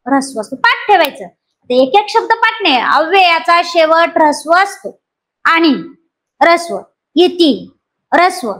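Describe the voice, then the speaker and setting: A woman from Maharashtra, her voice pitched very high, runs a lively grammar class for exam aspirants. She quizzes the students constantly and repeats each rule until it sticks.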